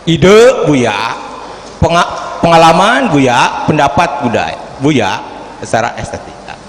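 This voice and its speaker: A man in his sixties asks a question at a religious gathering, in a formal, animated way that rises to loud, emphatic bursts. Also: on the high side, takes it slowly. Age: 60s. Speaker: audience member asking a question. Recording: echoey hall with faint background hiss.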